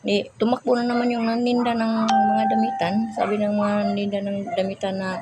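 An older woman tells a long personal story in a relaxed, rambling way. She often stops to search for words. Her voice sits in a middle pitch, and a steady hiss of noise runs under the recording. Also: a little fast. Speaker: vlogger. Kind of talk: casual chat.

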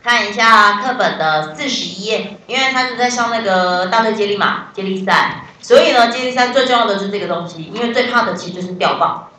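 A woman's voice: mid-range voice, brisk, bright, forceful tone, a little hiss or hum. A woman English teacher, explaining vocabulary step by step and quizzing her students in class. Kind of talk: classroom lesson. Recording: very echoey classroom, voice from far off.

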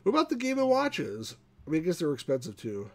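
A man's voice: fairly high pitch, huge pitch swings, fast talker, creaky. A middle-aged man giving casual commentary as the host of a let's play. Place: small room at home, indoors. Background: faint game music.

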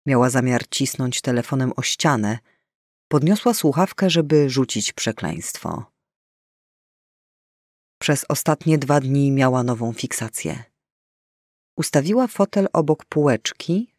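Male audiobook narrator, expressive storyteller, mid-pitched, bone-dry close recording. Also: no room sound. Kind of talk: scripted narration.

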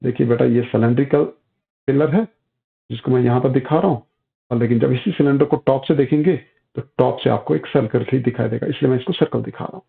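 A man's voice: medium pitch, quick pace, gravelly. A male physics teacher giving a classroom lecture, explaining step by step, asking questions and answering them himself, calling students "beta". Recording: tinny phone-like audio.

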